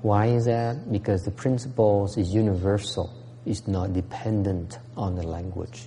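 A man's voice: on the low side, steady tone, measured pace, mellow, a little hiss or hum. A man giving a Buddhist teaching, moving between English and Vietnamese with frequent fillers and questions to the audience. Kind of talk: bilingual dharma talk. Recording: long hall reverb.

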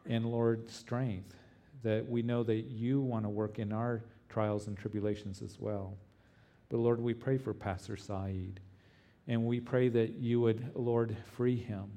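Earnest, pleading man praying in low-key tones. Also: warm tone. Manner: halting, repeatedly addressing the Lord. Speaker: pastor leading a church service.

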